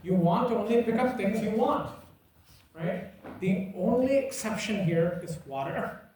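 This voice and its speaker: A man's voice: high-pitched, a little slow, darkish tone, slight background noise. A man lecturing a class in an emphatic, teasing way, repeating key points and checking that students follow. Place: lecture room. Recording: echoey room from far off.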